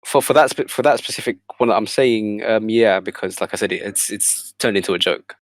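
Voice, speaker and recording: A man's voice: fairly low pitch, a little fast, dry recording. A man in a casual podcast chat, speaking hesitantly with many fillers and restarts.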